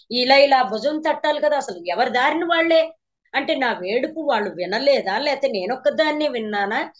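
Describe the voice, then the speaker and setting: A woman meditation teacher giving a spiritual talk to a class, telling her story earnestly and repeating phrases for emphasis. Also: high voice. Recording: slightly dull lo-fi recording.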